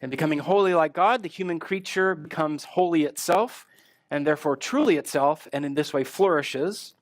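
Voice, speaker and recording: Guy lecturing at a conference, slightly high voice, easygoing, pokes fun at himself, dry close mic. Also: moderate pace, dry recording. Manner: relaxed, self-deprecating humor. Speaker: conference speaker. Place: conference hall.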